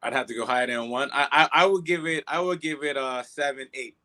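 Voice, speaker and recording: A man's voice: medium pitch, fast. A man with a Bermudian accent chatting casually as a musician guest, retelling exchanges by acting out the dialogue. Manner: animated retelling with quoted dialogue. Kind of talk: casual interview chat, storytelling.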